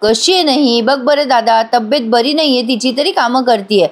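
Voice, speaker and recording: A scheming husband hisses threats and then turns falsely sweet, voiced by a woman narrator. The voice stays her own and sits a touch high. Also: moderate pace, close to an everyday voice.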